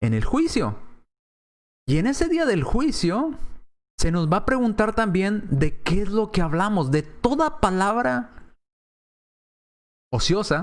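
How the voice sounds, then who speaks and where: A man preaching a sermon in a conversational way, slipping into other voices to act out quoted speech. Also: high-pitched. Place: church.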